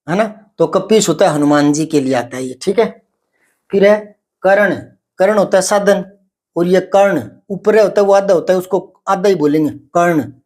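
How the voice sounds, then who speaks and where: In a high-sitting, slightly mellow voice, a man patiently explains paired Hindi words during a spoken grammar lesson. He draws out the contrasts and keeps checking in with his students through frequent "ठीक है."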